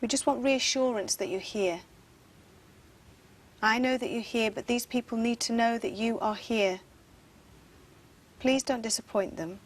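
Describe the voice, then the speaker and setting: Woman medium, slightly high voice, slow pleading seance calls, dark room. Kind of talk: pleading spirit calling. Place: dark room around a table.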